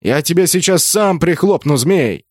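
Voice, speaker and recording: A man's voice: a little high, lively intonation, measured pace, darkish tone, dry recording, studio quality, pitched above the performer's own voice. A man voicing a cocky veteran guild leader who barks crude orders in an audiobook. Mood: commanding. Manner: barking orders, crude, commanding. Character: commanding veteran guild leader, adult male, bossy and cocky. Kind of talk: audiobook character voice.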